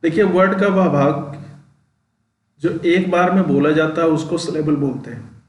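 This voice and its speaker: A male teacher giving an exam-prep classroom lesson, slowly repeating terms and checking that students follow. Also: fairly high pitch, recorded from a distance. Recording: echoey room, voice off-mic.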